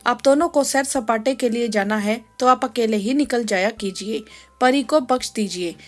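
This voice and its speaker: A woman voicing a young working mother, a quick-tempered daughter-in-law who scolds in a sharp, clipped way in a storybook tale. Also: on the high side, lightly acted. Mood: sharp, annoyed.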